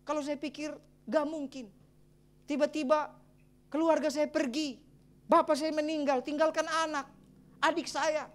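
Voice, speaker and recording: A middle-aged man, a pastor, preaching a sermon and telling his own story in a lively way with exclamations and chuckles. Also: very high-pitched, measured pace, long pauses. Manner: addresses the congregation as brothers and sisters. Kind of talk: sermon with personal testimony.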